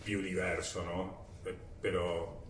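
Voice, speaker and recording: A man in his forties, a native Spanish speaker with an Argentine accent, talking casually as an interview guest, haltingly searching for words and switching between languages. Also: sits low, little pitch movement. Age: 40s. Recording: roomy echo, distant mic, faint noise.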